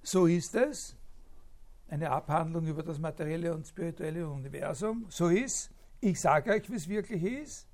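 A man's voice: fairly high pitch, moderate pace, darkish tone. A man giving a spontaneous academic lecture, thinking aloud with many filler sounds, restarts and tag questions.

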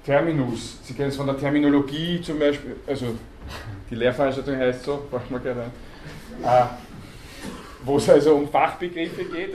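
A man's voice: medium pitch, a little mellow. Male university lecturer, patient and questioning, recorded from the audience in an echoey hall. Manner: explains patiently, quizzes the class, many hesitation sounds. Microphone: student recording from the audience. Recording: echoey hall, faint background noise.

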